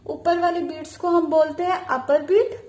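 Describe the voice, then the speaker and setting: A woman with a high voice gives a beginner abacus lesson in a room with a noticeable echo. She keeps asking questions and answering them herself, spelling out key words letter by letter. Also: steady tone, normal speed, a little mellow. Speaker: abacus teacher. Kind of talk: teaching with call-and-response questions.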